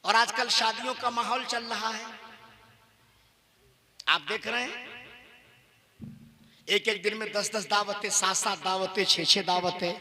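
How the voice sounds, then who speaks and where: A man preaching a fiery religious sermon at a conference, rising to shouts and calling on the crowd to answer back. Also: high voice, steady tone, measured pace, pauses often. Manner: impassioned, shouting at peaks, calls on the crowd to respond.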